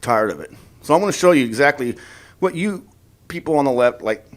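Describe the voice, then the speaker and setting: A man's voice: medium pitch, animated, a little fast. Heated, sarcastic man ranting to camera. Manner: heated and sarcastic, mocking voices of opponents; repeats words and restarts often. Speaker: political vlogger. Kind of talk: ranting opinion vlog.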